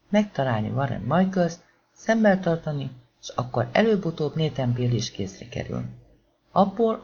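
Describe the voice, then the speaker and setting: A man narrating an audiobook in a steady, measured reading. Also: on the high side, gravelly. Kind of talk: scripted narration. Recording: slightly dull lo-fi recording with faint hiss.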